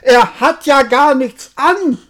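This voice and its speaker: A woman voicing an excited crowd of townsfolk calling out loudly in a bedtime storybook reading. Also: sits high, measured pace, creaky, slightly rough, voice pushed up, full character voice. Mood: exclaiming. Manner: exclaiming.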